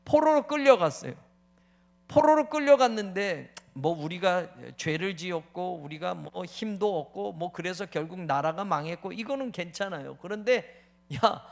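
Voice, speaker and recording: Male pastor, sermon, high voice, gravelly edge, animated preaching, rhetorical questions. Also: moderate pace. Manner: animated preaching, acting out mocking voices and pleading prayers; addresses the congregation as "you all".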